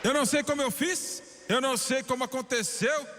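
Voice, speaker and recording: A man with a Brazilian Portuguese accent giving a dubbed sermon, telling a story fervently and swinging from hushed lines to emphatic ones. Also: very high-pitched, brisk, a faint crowd, a little hiss or hum. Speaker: preacher voice-over in Portuguese. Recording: long hall reverb.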